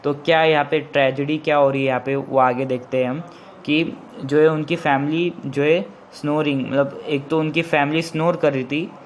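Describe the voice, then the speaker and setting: A male English teacher explaining a textbook lesson line by line, rephrasing often and reading the English passages slowly. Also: a little high, fairly even intonation, slight background noise, low-quality recording. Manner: reads English lines slowly and deliberately.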